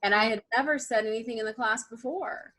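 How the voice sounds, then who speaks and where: A woman on a panel, telling a story in an animated way, laughing and restarting her sentences. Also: a little high, a little fast.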